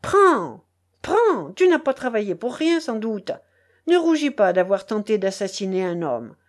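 A woman's voice: medium pitch, expressive, moderate pace, darkish tone, natural voice. A woman voicing a wounded male thief who speaks with cold contempt and harsh commands, in a storybook reading. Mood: scornful.

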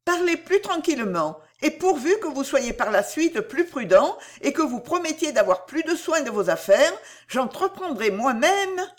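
Earnest young heroine, high, lively and pleading, voiced by an audiobook reader. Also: normal speed. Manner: pleading, emphatic. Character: earnest young woman, compassionate and resolute. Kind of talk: audiobook reading.

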